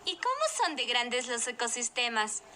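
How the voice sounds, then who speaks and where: A woman's voice: a little high, animated, normal speed, pushed and bright, a little hiss or hum. A woman voicing a curious, inquisitive young child in a scripted educational video.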